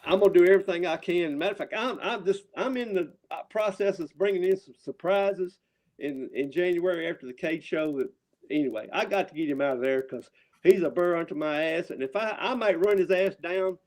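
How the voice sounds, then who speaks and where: A man with a high-pitched voice and a Southern drawl rambles through casual wrestling trash talk. He swears freely and pushes his points hard, sounding riled up. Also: fairly quick, darkish tone. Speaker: wrestling promotion owner, show guest.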